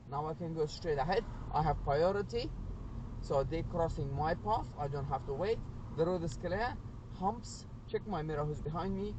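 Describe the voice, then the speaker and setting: A man working as a driving instructor, giving a careful, unhurried step-by-step commentary in short phrases from inside a moving car. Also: fairly high pitch. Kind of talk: driving lesson commentary, step-by-step spoken demonstration. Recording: noisy car interior, distant mic, road noise.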